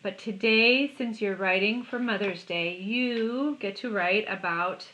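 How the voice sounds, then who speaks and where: A woman's voice: medium pitch, pushed and bright, lo-fi sound. Cheerful woman teaching kids art. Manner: upbeat, encouraging, speaks slowly and clearly to kids. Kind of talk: video art lesson for children.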